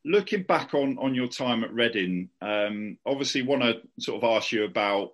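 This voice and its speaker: A man's voice: medium pitch, lively intonation, normal speed, fairly bright tone. A man hosting a podcast interview in a chatty, casual way. He strings out long, rambling questions with many restarts and fillers. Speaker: podcast host.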